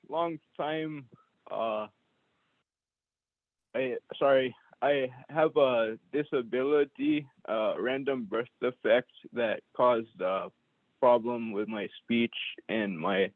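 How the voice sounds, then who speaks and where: Man over a thin phone line, slow and halting, dry close sound, testifying caller. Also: mid-range voice, no echo. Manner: halting, slow, with many pauses and restarts. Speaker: caller testifying at a public hearing.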